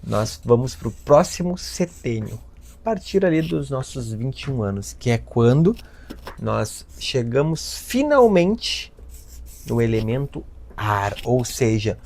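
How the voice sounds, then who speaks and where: A Brazilian man giving a self-help talk, animated, acting out parents and children in his stories. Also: medium pitch, slow pace, creaky. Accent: Brazilian Portuguese. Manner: lively storyteller, acts out voices of children and parents. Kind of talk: lecture with acted anecdotes.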